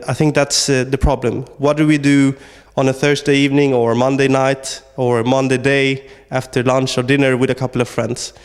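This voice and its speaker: A Swedish startup founder answers interview questions hesitantly, with lots of fillers and restarts. His mid-range voice is clear with a resonant tone, and it carries a big-room sound.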